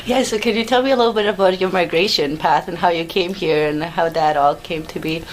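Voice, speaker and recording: A woman conducting an oral history interview, asking her questions hesitantly with many pauses and fillers. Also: lowish voice, a little hiss or hum, low-quality recording.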